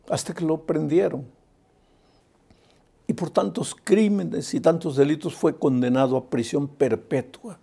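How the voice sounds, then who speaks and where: A man preaching an evangelistic sermon, who swings between loud emphatic appeals and hushed storytelling. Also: mid-range voice, creaky, husky.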